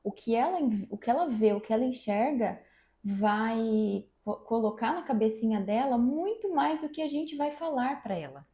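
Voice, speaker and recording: A woman, a mother co-hosting, giving measured parenting advice in a casual chat at home. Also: fairly high pitch, lively intonation, mellow. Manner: measured, advice-giving, repeats key phrases. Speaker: mother and channel co-host. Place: room at home. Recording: echoey room.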